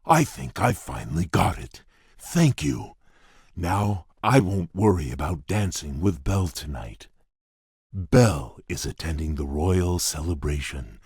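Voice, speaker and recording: An actor playing a courteous, shy beast prince in a video game, speaking formally and earnestly in a husky, gravelly rumble. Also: male voice, sing-song, a little slow, a little mellow, dry recording, clean studio sound, exaggerated voice. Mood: warm, grateful. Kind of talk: video game character voice lines.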